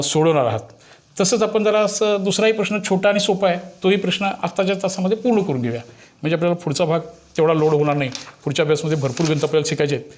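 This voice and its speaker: Male maths teacher, high-pitched voice, explaining to children, step-by-step lesson, frequent check questions. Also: a little mellow.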